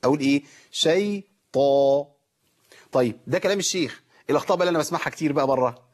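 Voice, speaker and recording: A man's voice: fairly high pitch, very fast, husky. A man with an Egyptian Arabic accent teaching Quran recitation, explaining with rhetorical questions and demonstrating the correct pronunciation himself. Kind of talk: tajweed lesson.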